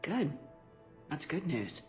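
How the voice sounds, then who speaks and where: A North American actress playing a composed, supportive military commander in a video game, measured and concise. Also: female voice, low-pitched, sing-song, faint music behind, full character voice. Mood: supportive, calm. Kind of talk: naturalistic game dialogue acting.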